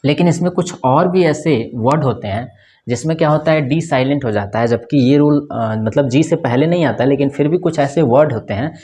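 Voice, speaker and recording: A man's voice: medium pitch, a little fast, dark tone. A man teaching an English pronunciation lesson, explaining rules step by step, often asking a question and answering it himself and checking in with the class. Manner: frequent checking fillers like "okay, right".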